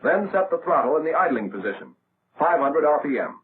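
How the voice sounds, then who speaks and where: An American man narrates a 1940s army instructional reel, heard through a tinny, narrow old film soundtrack. His fairly high voice rises and falls in a lively way as he gives scripted instructions in a measured, orderly manner.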